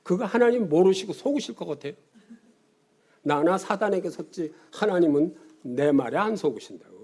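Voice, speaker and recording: A man in his seventies, a pastor preaching a sermon with animated storytelling and sudden quiet drops. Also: high-pitched, moderate pace, slightly rough. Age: 70s.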